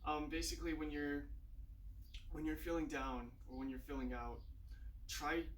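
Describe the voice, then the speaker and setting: A man's voice: fairly high pitch, little pitch movement, normal speed. A man in his twenties answering interview questions in an earnest, easygoing way, laughing easily with hesitant fillers. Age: 20s. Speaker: interview guest, church volunteer. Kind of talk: casual interview chat. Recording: echoey, distant mic, faint noise.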